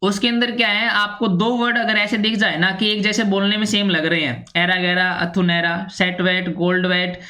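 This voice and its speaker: A woman's voice: mid-range voice, level tone, normal speed, few pauses, sharp tone. A woman teaching an English grammar lesson, explaining step by step and filling her talk with constant little check-ins. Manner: repetitive, with constant "theek hai" and "ji" fillers.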